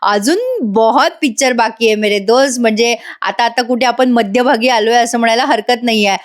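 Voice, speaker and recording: A woman's voice: a little high, steady tone, moderate pace. A woman narrating a voice-over recap of a TV serial, chatting directly with viewers. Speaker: TV serial reviewer.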